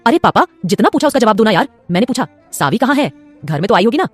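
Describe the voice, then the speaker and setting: Desperate young husband, pleading, quick; woman voicing him. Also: medium pitch, lively intonation, soft background music, close to an everyday voice. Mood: pleading, frantic. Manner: pleading, urgent questioning.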